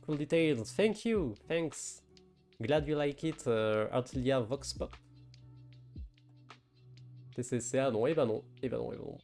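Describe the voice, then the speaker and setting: A man's voice: medium pitch, measured pace, long pauses, darkish tone, soft background music. A man chatting casually with his live-stream viewers while he draws, teasing them and answering their messages.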